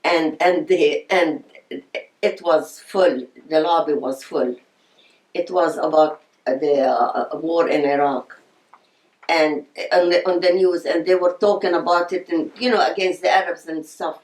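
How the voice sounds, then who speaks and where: Older woman from palestine, low voice, outspoken, echoey room. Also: a little slow, darkish tone. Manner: outspoken, passionate storytelling. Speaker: interviewee. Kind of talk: oral history interview.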